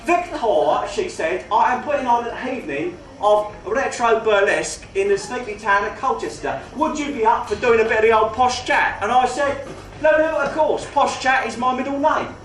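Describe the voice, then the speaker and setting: A man playing a mock-genteel, faintly menacing gangster compère, delivering comic stage patter with grand words and drawn-out emphasis. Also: extremely high pitch, animated, fairly bright tone. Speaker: burlesque show compère in comedy double act. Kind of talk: live comedy patter addressed to audience. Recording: roomy live venue, distant mic, faint noise.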